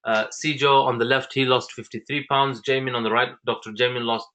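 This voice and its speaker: A man's voice: mid-range voice, steady tone, fairly quick, bright, forceful tone. Enthusiastic man in his thirties. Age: 30s. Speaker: fitness program founder. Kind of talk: presentation talk.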